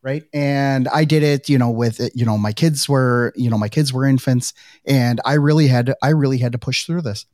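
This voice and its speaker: A man's voice: mid-range voice, normal speed, a little mellow, no room sound, studio quality. A middle-aged man hosting a podcast interview, chatting casually with lots of "you know" and "right". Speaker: podcast host. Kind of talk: conversational interview.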